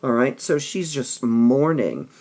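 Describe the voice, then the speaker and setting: Male teacher, slow delivery, gravelly texture, explains step by step with frequent check-ins. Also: medium pitch, very animated, warm tone. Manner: explanatory, keeps checking in with "all right?". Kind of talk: literature lesson with read-aloud passages.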